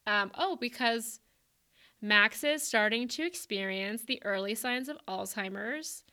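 A young woman co-hosting a podcast retells a book's plot chattily, with lots of fillers, in a casual book chat. Her voice is fairly high, unhurried, bright, forceful and clean in tone.

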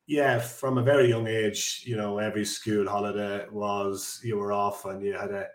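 An Irish man in his forties, director of a construction business, appears as a guest on a casual podcast interview. He tells his story in a chatty, rambling way with many fillers and restarts, his lowish voice moving at a moderate pace with little pitch change. The room is echoey.

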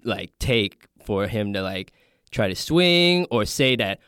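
A man telling a story in casual chat, acting out quotes with lively energy. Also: lowish voice, takes it slowly, smooth, no room sound, clean studio sound. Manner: animated storytelling, acts out quotes.

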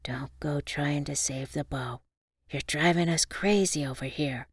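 A woman voicing an affectionate, soft-spoken young father with a hushed delivery in an audio story. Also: fairly even intonation, measured pace, husky, no echo, clean studio sound, heavily acted. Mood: soft, teasing. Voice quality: hushed, low.

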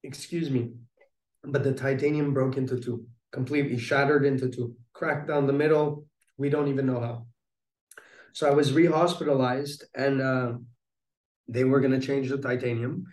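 A man's voice: medium pitch, steady tone, moderate pace, darkish tone, roomy sound, recorded from a distance. A man telling a personal story of recovery in conversation, earnest and reflective, with many restarts.

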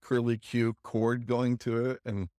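A man co-hosting a podcast, telling a casual, halting anecdote full of restarts and asides. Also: mid-range voice, little pitch movement, warm tone, no room sound, studio quality. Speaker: podcast co-host. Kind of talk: casual storytelling chat.

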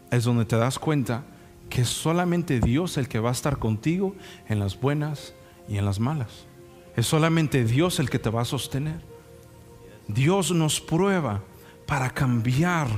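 A pastor preaching a sermon in an earnest, frank way, speaking plainly to the congregation and acting out prayers and conversations. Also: male voice, medium pitch. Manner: frank, folksy asides to the congregation. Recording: echoey hall with soft music.

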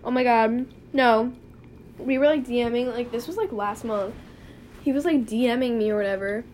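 A young woman with a slightly high voice chats casually, reading out text messages in an animated, giggly way. Faint room noise sits under her voice. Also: normal speed. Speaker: podcast co-host. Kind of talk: casual chat.

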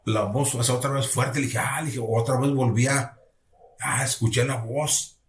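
Earnest pastor in an echoey room. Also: male voice, mid-range voice, steady tone, slight background noise. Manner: earnest, halting storytelling with many restarts. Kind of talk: personal testimony told to a listener. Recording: roomy echo.

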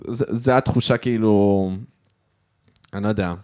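A man hosting a casual podcast chat from an apartment, talking softly into a microphone with many restarts. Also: lowish voice, steady tone. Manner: soft-spoken, halting with restarts. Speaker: podcast host. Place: apartment at home.

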